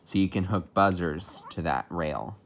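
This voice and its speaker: Clicks and noticeable background noise accompany this relaxed, unscripted equipment walkthrough by a hobbyist. He explains each piece matter-of-factly in a low voice at a measured pace.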